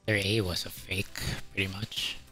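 A man's voice: sits low, steady tone, normal speed, low-quality recording. A young Filipino-accented man raging at a shooter game as he plays, exclaiming and cursing in exasperation into a headset mic. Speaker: gamer streaming a shooter match. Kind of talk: gaming commentary with casual swearing. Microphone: headset microphone. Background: game gunfire and music.

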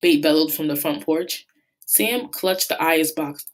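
A woman teacher reads a novel aloud to her students. Her voice is fairly low and steady, with a few small slips and restarts. The delivery is plain classroom reading. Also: a little slow.

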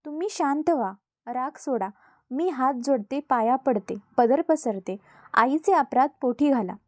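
A woman voicing a gentle pleading young princess. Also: high voice, expressive, a little slow, dry recording.

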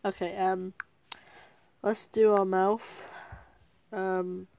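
Speaking very slowly in a flat, creaky voice of medium pitch with a darkish tone, this woman makes casual gameplay commentary. She's a gaming video creator who chats with viewers, giggles often, and talks herself through every move.

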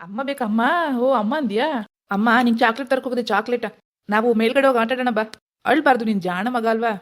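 Lady doing a soft-hearted old grandpa in a cartoon, coaxing and gentle, talks quick. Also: mid-range voice, close to an everyday voice. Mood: soothing. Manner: soothing, coaxing a crying baby. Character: grandfather, older man, gentle and doting.

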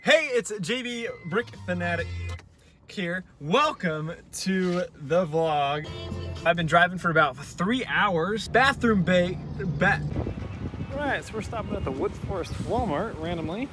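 A man talking in a chatty, excitable travel vlog from his car and roadside stops, filming himself on a handheld camera. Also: sits high, a little slow, music in the background. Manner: excitable, chatty, jumps between asides. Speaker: vlogger. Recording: road and car noise behind.

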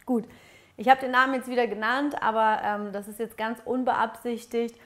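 A woman's voice: a little high, flat delivery, moderate pace, a bit bright. A young woman from Ukraine, a fitness vlogger, answering viewer questions in a casual, friendly chat with many fillers, on a lapel mic in a living room. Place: bright living room, on a sofa.

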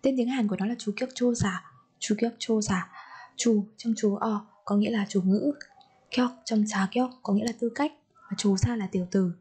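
Woman language teacher, mellow husky voice, patient, repeats examples, quizzes the class. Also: mid-range voice. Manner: patient, repeats example sentences slowly, asks learners questions. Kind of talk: grammar lesson for learners.

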